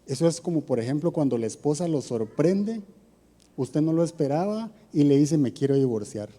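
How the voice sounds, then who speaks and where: A man with a Costa Rican accent preaches a sermon in a chatty, questioning manner. His voice sits a little high but sounds dark and mellow. A long church reverb trails behind every phrase. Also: animated, normal speed. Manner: conversational preaching with rhetorical questions.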